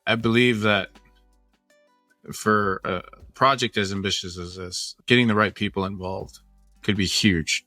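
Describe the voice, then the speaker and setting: A man's voice: on the low side, steady tone, a little slow, bright, forceful tone, dry recording, faint music behind. A man from American Samoa co-hosting a casual podcast chat, talking in a rambling, joking and supportive way. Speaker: podcast co-host.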